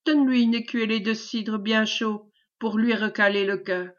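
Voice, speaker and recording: Woman reading as a gruff kindly farmer. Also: a little high, steady tone, moderate pace, natural voice. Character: gruff kindly middle-aged male farmer. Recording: dull lo-fi recording.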